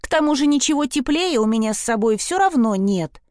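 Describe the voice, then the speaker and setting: Woman narrator as a vain, defiant schoolgirl in a storybook, haughty and lively. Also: high voice, a little fast, no echo, clean studio sound, pitched above the performer's own voice. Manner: haughty, provocative. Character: vain, defiant teenage girl.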